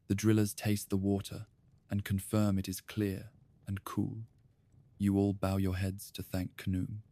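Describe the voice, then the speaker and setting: In a low-pitched, soft-spoken voice, a man recounts a history story meant for bedtime, staying calm and steady throughout. He refers to the listener as "you," with no room sound in the recording.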